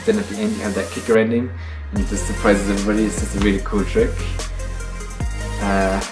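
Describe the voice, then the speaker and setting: A man's voice: fairly low pitch, flat delivery, fast talker, echoey room, over music. A man hosting a magic tutorial in casual card magician patter, explaining step by step and often repeating himself.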